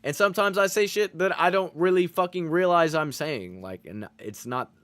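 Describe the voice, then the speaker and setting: A man's voice: fairly high pitch, normal speed, fairly bright tone, no room sound. A man streaming to his chat, rambling and self-reflective in casual motivational talk, full of fillers and frequent swearing.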